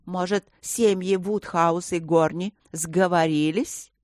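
A woman's voice: on the low side, fairly even intonation, takes it slowly, darkish tone, no room sound, studio quality. A woman voicing a cold, imperious queen in an audiobook, speaking in a commanding, clipped way. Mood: stern.

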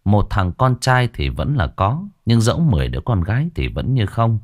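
A man with a very deep voice narrates a ghost story. His delivery swings up and down, expressive and full of storytelling cadence. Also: moderate pace.

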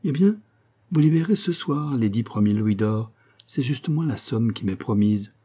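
A man's voice: mid-range voice, expressive, normal speed, mellow, slightly rough. A man reading an audiobook plays a boastful, penniless gambler who speaks pompously and sententiously.

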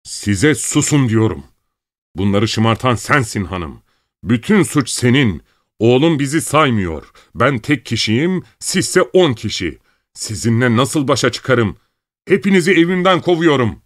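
A man voicing a furious, tyrannical middle-aged father who shouts and rants bitterly at his family. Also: medium pitch, very animated, measured pace, dry recording, clean studio sound, voice pushed up. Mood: bitter, raging. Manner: bellowing, bitter, ranting.

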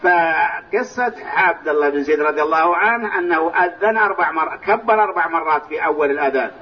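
A man teaching a lesson on hadith, explaining the texts step by step and softly reciting phrases of the call to prayer, heard in an old recording from a large mosque. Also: fairly high pitch, quick pace. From Saudi Arabia. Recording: distant, dull, lo-fi old recording with faint hiss.

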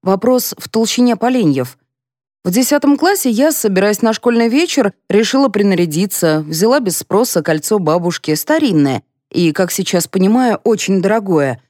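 A woman narrating a first-person audiobook in an expressive, wry manner. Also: medium pitch, moderate pace, no echo, clean studio sound.

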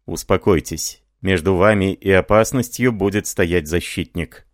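A man's voice: low-pitched, unhurried, no echo, studio quality. A man playing an ardent, devoted young French lieutenant who speaks fervently and pleadingly.

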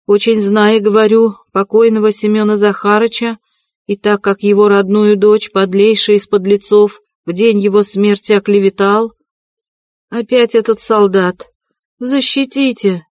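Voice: monotone, normal speed, no room sound, lightly acted. A reader voicing a proud, frantic impoverished widow, raised and strained, in an audiobook reading. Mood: indignant. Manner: haughty then shrill and desperate.

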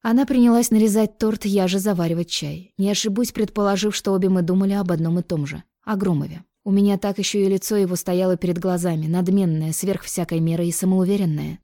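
A woman narrating a first-person novel in an even, confiding storytelling manner. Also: mid-range voice, fast talker, few pauses, no echo, clean studio sound. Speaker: audiobook narrator.

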